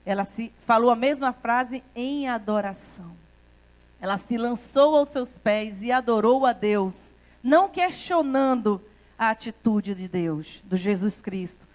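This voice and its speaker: A woman pastor with a Brazilian Portuguese accent preaching a sermon, retelling the scripture with sharp swings in loudness and slowing down for emphasis. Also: a little high, expressive.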